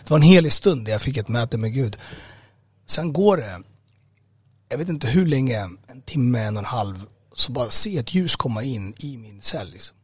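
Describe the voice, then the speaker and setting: A man giving a personal testimony in an interview. He talks conversationally and haltingly, with many fillers and repeated words. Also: medium pitch, expressive, dry recording. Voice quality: husky. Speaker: interview guest.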